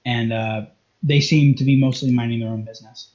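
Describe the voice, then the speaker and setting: A man's voice: mid-range voice, fairly even intonation, brisk, darkish tone. A man running a tabletop game as game master, narrating with many fillers and restarts. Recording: muffled lo-fi audio.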